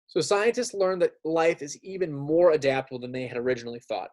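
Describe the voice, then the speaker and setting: With a somewhat high, mildly mellow voice, this man teaches young kids through a casual read-aloud. He's talkative, drops in side comments, and keeps checking in with his students as an elementary school teacher.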